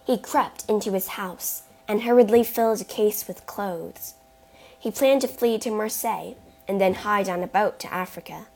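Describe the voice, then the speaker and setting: A woman narrating a chapter book in a slow, deliberate reading voice. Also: mid-range voice, darkish tone. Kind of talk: storybook narration.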